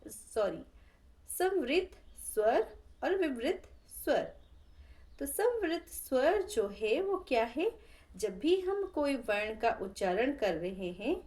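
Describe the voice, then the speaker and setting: A woman teaching a pronunciation lesson in a fairly high, very expressive voice that rises and falls a lot. She speaks slowly and patiently, repeating each vowel sound so learners can copy it. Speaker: Hindi grammar teacher.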